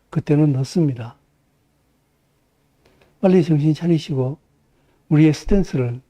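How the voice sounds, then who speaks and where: Male preacher, high mellow voice, delivers a heated, emphatic sermon in church. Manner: impassioned, emphatic, rising to fervent peaks. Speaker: pastor.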